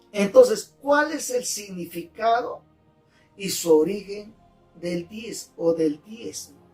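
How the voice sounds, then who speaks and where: A male pastor giving a teaching sermon, fervent and deliberate, repeating and spelling out key words. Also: high-pitched, darkish tone. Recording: roomy, distant mic, faint music.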